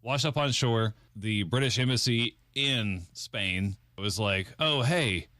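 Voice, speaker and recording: A man's voice: fairly low pitch, takes it slowly, bright, forceful tone, no echo, clean studio sound. A man co-hosting a podcast, telling stories crudely with heavy swearing. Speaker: podcast co-host. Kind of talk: casual profane chat.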